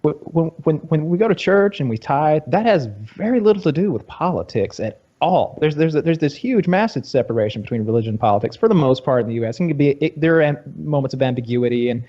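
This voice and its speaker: A man from Georgia in the U.S., hosting a podcast in casual conversation, telling stories in a rambling, animated way with many restarts. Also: a little high, quick pace, few pauses. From Georgia, USA. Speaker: podcast host. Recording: slightly dull lo-fi audio.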